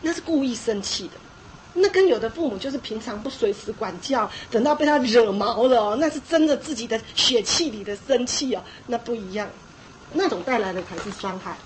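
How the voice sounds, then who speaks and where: A woman's voice: on the high side, lively intonation, fairly quick, a little hiss or hum, poor audio. A middle-aged woman preaching a sermon on parenting, speaking emphatically, repeating herself and acting out scolding scenes.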